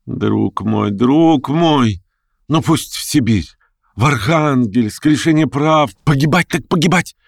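A man doing a trembling aging scholar, melodramatic and pleading, fearful whispers, gravelly, dry close sound, audiobook. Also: medium pitch, expressive, takes it slowly, no echo, voice pushed up, heavily acted. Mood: despairing. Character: frightened aging male scholar, despairing and melodramatic.

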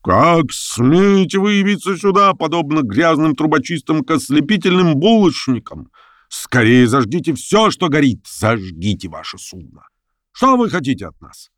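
A man voicing a frenzied, drunken carnival reveller in a red coat, shrill and mocking. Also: big pitch swings, normal speed, a bit bright, no echo, clean studio sound.

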